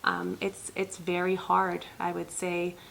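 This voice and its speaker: An Ethiopian woman in her thirties, a pediatric nurse practitioner running her own channel, speaks earnestly and directly to viewers with many ums. Her lowish voice is monotone, slow, and fairly bright, with vocal fry and slight background noise.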